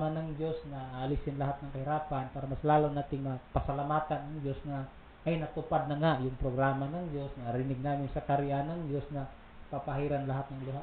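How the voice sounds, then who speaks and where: A man co-hosting a casual religious talk program, explaining at length with asides and laughs. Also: a little high. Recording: roomy, tinny phone-like sound with faint noise.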